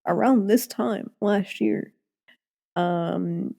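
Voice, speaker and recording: A woman's voice: medium pitch, drawn-out words, creaky, dark tone. A woman hosting a podcast in a casual chat, laid-back and giggly. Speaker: podcast host.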